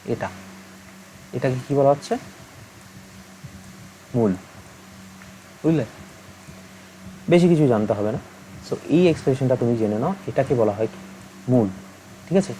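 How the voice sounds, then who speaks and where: A young man teaching an online maths lesson, patient and steady, checking in with the listener again and again. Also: medium pitch, a little hiss or hum, poor audio. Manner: patient, asks many check-in questions.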